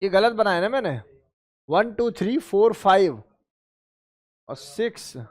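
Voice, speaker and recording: A man teaching chemistry exam prep to students, who calls them beta and bhai, counts positions out loud in a drilling rhythm and answers his own questions. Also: high-pitched, expressive, a little slow.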